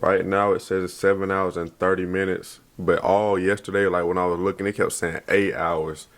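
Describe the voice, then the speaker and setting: A young man vlogging casually to his phone camera, rambling loosely with slangy speech and thinking out loud as he corrects himself. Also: sits low, little pitch movement, normal speed. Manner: laid-back slangy speech. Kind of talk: casual vlog talk to camera. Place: at home, then in a car before dawn.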